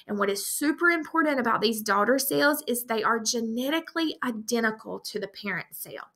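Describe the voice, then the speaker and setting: Woman, science teacher voice, bright and a bit high, upbeat explainer. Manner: upbeat, explanatory, talks straight to students. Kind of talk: recorded review lesson.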